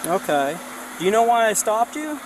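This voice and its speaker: A man's voice: sits high, big pitch swings, normal speed. A male police officer heard as body cam audio at a roadside stop, giving procedural questions and instructions and often checking that he is understood. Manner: procedural, checks understanding with "okay?" and "all right?". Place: outdoors at a roadside traffic stop. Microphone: body-worn camera. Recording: noisy body camera audio, outdoor vehicle hum.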